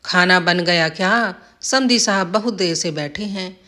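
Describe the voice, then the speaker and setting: A woman's voice: fairly low pitch, a little slow, bright, forceful tone. A woman voicing a scheming, bossy old village husband who scolds and commands. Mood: scolding.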